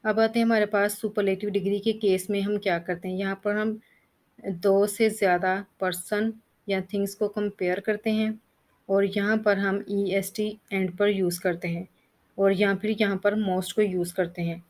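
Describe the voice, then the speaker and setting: A woman's voice: mid-range voice, level tone, normal speed, darkish tone. A woman teaching English grammar, explaining rules step by step, spelling out letters and reading lists of word forms. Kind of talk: Hindi-language grammar lesson.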